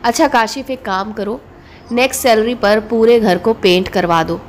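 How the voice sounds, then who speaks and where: A woman's voice: a little high, normal speed, a little hiss or hum, natural voice. A woman voicing a loving, cheeky young wife in a read-aloud story. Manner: warm, teasing.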